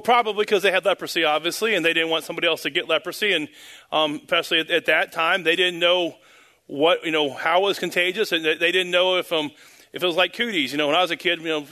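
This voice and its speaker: A man whose voice sits high and sounds pushed and bright leads worship as pastor, preaching and praying fervently at a pulpit microphone. Repeated words and hesitant ums run through his delivery.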